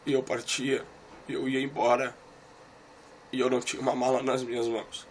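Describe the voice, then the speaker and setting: Brief: man in an emotional religious testimony, mid-pitched and earnest, repeating phrases, faint hiss behind. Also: flat delivery, normal speed. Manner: talks straight to one listener. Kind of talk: personal religious testimony recounting a vision.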